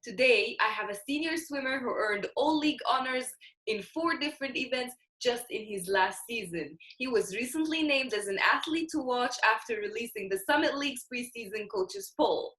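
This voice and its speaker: A woman's voice: on the high side, lively intonation, moderate pace, fairly bright tone. A woman hosting an interview show, introducing her guest and asking upbeat questions. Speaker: podcast host.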